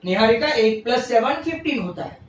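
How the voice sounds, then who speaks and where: A male maths teacher giving an online class, mixing English into Hindi, repeating "right?" often, loud and stern with absent students. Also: extremely high pitch, expressive, a little fast, slight background noise. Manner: loud, says he shouts himself hoarse. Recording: roomy echo, distant mic, faint ambience.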